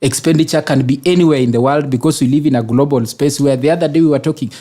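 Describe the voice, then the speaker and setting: Male political commentator, Kenyan accent, moderately high pitch, relaxed mellow timbre, measured argumentative delivery with formal vocabulary. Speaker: political panelist. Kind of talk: political discussion, opinion.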